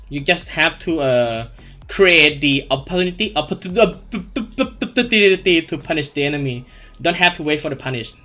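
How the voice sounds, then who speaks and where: A gaming channel host with a thick Thai accent and a slightly high, sharp-toned voice runs a casual Q&A over gameplay. He rambles, restarting often and leaning heavily on "you know."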